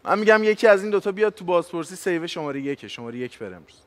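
A man's voice: high voice, lively intonation. A man, a game show contestant, casually reasoning aloud about who to suspect. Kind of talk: game table discussion.

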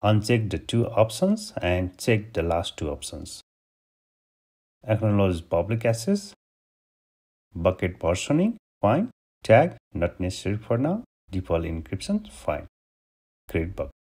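A man from Nepal narrates a screen-recorded tutorial, giving clicks and steps one at a time. His voice is low and a little husky. His pitch swings widely from phrase to phrase. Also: a little slow, long pauses. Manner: steady step-by-step instructions. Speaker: tutorial host.

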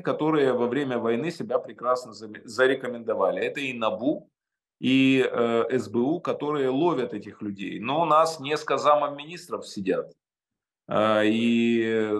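A Ukrainian man in his fifties, speaking in a mid-range voice, answers an interviewer's questions over a video call from his home study. He is emphatic but halting, with many hesitations.

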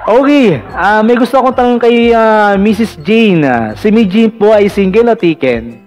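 A man hosting a casual live call-in vlog, chatty and teasing, filling pauses with "ayan". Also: sits high, lively intonation, a little mellow. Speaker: vlog radio-style host taking callers.

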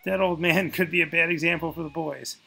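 Streamer, male, wry and self-mocking, gravelly, faint music underneath. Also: a little high, steady tone, a little fast, sharp tone. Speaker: game streamer. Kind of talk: casual gameplay commentary.

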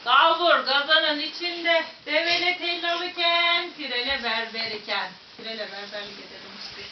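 A woman with a Central Anatolian Turkish accent performs a traditional folk tale for a live crowd, speaking straight to her listeners in rhythmic, rhymed patter. Her voice sits high and moves at a moderate pace. She is a folk storyteller at a museum site with onlookers and photographers, captured in a distant, echoey, dull recording with faint noise.

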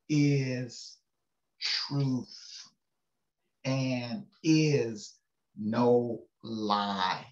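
A gravelly, medium-pitched voice belongs to an older male pastor preaching a casual, folksy devotional in his home study with bookshelves. He chuckles and checks in on listeners while his webcam on a video call picks up an echoey, slightly dull sound.

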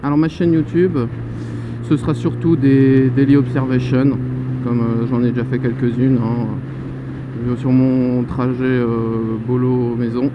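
Chatty twenties motovlogger on the move, dull helmet mic, clear road noise. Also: male voice, medium pitch, flat delivery, a little slow. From Paris suburbs. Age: 20s. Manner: chatty, joking, exclaims "oh là là". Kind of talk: casual vlog while riding a motorcycle. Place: motorcycle on city roads. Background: traffic and horns.

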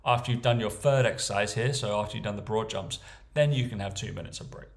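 A man's voice: fairly low pitch, fast, creaky. A young man coaching casually while walking through a training plan, often checking in with "okay?" and "right?". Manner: chatty, tags lines with "okay?" and "right?". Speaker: strength coach. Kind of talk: casual screen-share walkthrough.

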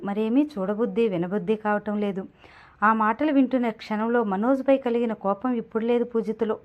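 Lady narrating an audio novel, expressive storytelling, a bit high voice, dull lo-fi sound.

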